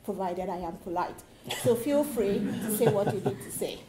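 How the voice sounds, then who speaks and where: A woman, a law lecturer speaking on a panel in an encouraging, deliberate way. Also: mid-range voice, lively intonation. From Nigeria. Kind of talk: panel discussion answers. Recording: echoey room, faint background noise.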